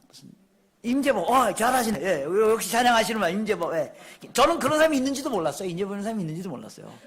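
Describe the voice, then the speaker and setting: A man preaching a Sunday sermon in a church, telling stories and swinging from hushed asides to loud, emphatic passages. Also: high-pitched. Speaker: missionary preacher. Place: church sanctuary.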